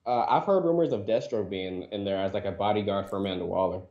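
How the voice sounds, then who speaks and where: A man's voice: fairly low pitch, fast, darkish tone, roomy sound, highs cut off. A man co-hosting a casual podcast chat, talking with many hesitations. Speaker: podcast co-host.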